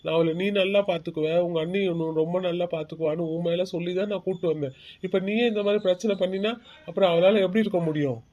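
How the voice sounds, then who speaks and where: A man's voice: sits high, fairly even intonation, fast talker, darkish tone, muffled recording, lightly acted. A man voicing a stern husband in a cartoon family drama, firmly lecturing his wife about his sister. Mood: coaxing. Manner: firm, bossy, lecturing.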